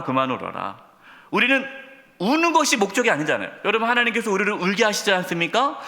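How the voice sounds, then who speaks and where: A middle-aged male pastor preaching a sermon, telling stories and putting questions straight to his congregation. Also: high voice. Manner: addresses congregation directly with questions; storytelling, animated emphasis. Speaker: senior pastor. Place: church sanctuary. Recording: long church hall reverb.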